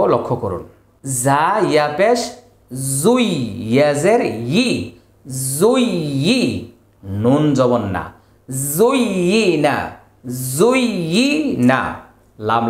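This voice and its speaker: A man teaching Quran recitation. He spells out letters and vowel marks slowly, chants the verses, then explains the rules in quick asides. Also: fairly high pitch. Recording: echoey room.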